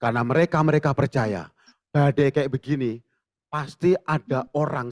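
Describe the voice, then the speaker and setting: A male pastor preaching a sermon in a lively way, acting out voices and sometimes shouting. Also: a little high. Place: church service.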